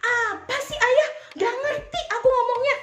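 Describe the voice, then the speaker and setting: A woman voicing a rude, whining young child talking back to a parent, shrill and petulant. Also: steady tone, normal speed, fairly bright tone, roomy sound. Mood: whiny.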